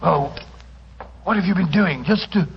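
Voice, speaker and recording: An actor with a British accent playing a loyal, fretful, blustering doctor sidekick in 1940s radio style. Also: male voice, high voice, a little slow, gravelly. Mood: worried, fussy. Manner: fretful, fussy, excitable. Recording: muffled, noisy 1940s radio recording.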